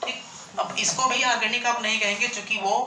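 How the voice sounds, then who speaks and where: High-voiced male teacher in echoey classroom. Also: level tone, a little fast, sharp tone, a little hiss or hum. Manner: asks the class questions and answers them himself, repeats points. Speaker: coaching class chemistry teacher. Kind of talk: classroom lecture. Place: classroom with students. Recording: echoey classroom with student chatter.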